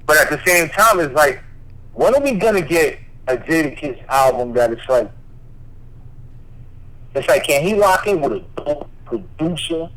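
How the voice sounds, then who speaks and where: A man's voice: on the high side, expressive, moderate pace, pauses often, a bit bright, poor audio. A man co-hosting a podcast in casual, heated chat, talking emphatically and cutting in to make his point. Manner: emphatic, keeps cutting in with "listen". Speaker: podcast co-host.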